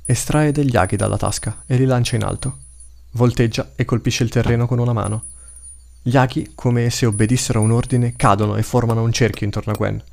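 A man narrates a fantasy tale in a measured, dramatic storybook style. His voice sits low, with a gravelly, creaky texture. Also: darkish tone, a little hiss or hum.

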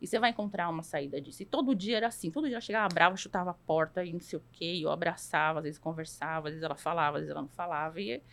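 A woman's voice: deep voice, racing, few pauses. A woman with a Brazilian accent speaking emphatically as a guest in a podcast conversation, lecturing on parenting and acting out quoted voices. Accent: Brazilian Portuguese.

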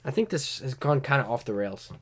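A man's voice: mid-range voice, sing-song, normal speed, a bit bright, husky. Rambling, jokey young man. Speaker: podcast co-host. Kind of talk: casual chat.

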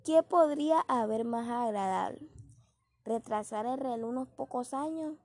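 A woman voicing a scheming middle-aged man who talks smoothly and persuasively in a read-aloud story. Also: on the high side, measured pace, a little mellow.

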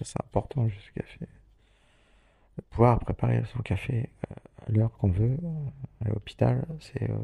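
A man's voice: mid-range voice, creaky, dark tone, breathy edge. A man recording a casual audio diary from a hospital, rambling, swearing often and laughing as he talks. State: hospital patient. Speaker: podcast host.

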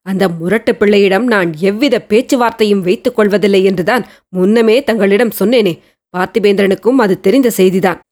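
A woman voicing a proud, scheming nobleman who scoffs at accusations, in a lower voice than her narration. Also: fairly quick, darkish tone, lightly acted. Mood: defiant. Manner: defiant, scornful. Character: proud scheming middle-aged nobleman, a father.

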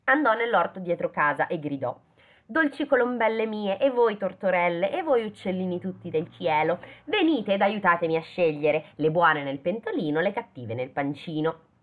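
A woman's voice: fairly low pitch, animated, normal speed. A woman reading a fairy tale aloud in casual chat, stopping often to joke about and question the text. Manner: reads then breaks off to joke and question the text. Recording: phone-like lo-fi audio.

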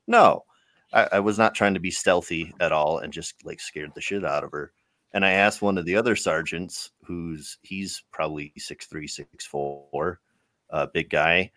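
A man's voice: low voice, moderate pace, bright, forceful tone, no room sound. A man who works as a correctional sergeant, telling candid stories in casual podcast chat and swearing freely.

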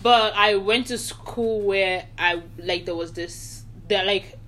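A woman's voice: mid-range voice, slow, fairly bright tone. A young woman from Nigeria co-hosting a casual podcast, telling her story in an earnest, reflective way. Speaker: podcast co-host. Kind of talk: casual chat.

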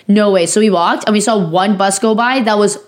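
A young woman with a mid-range voice tells a story in casual chat, talking a little fast and rambling with many fillers. She sounds hoarse as she recovers from losing her voice, and sniffly from a sinus infection.

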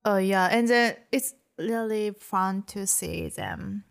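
A woman's voice: medium pitch, slow, gravelly, smooth. A woman with a Japanese accent in casual chat, repeating new English words.

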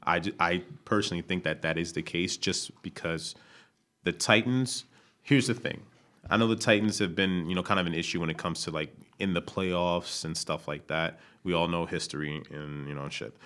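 Very deep-voiced man in loose sports banter. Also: fairly even intonation, normal speed, fairly bright tone. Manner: laid-back, fills with "you know", swears casually. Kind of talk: casual sports chat.

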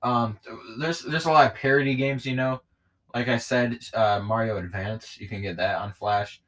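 A man's voice: mid-range voice, fairly even intonation, moderate pace, a bit bright. A man co-hosting a casual podcast, rambling through jokey gamer banter. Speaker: podcast co-host. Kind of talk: casual chat.

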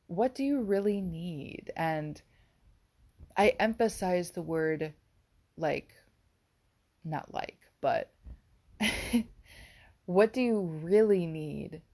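A young woman with a low voice muses slowly about astrology and inner growth. She meanders and reflects aloud, leaning on fillers as she searches for her words. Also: darkish tone. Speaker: astrology vlogger. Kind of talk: casual spiritual monologue.

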